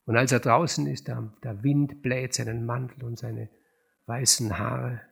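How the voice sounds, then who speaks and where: A man retelling a classic tragedy as a spoken story, animated and dramatic, with hesitations and repeated words. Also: mid-range voice, measured pace, gravelly, slightly rough.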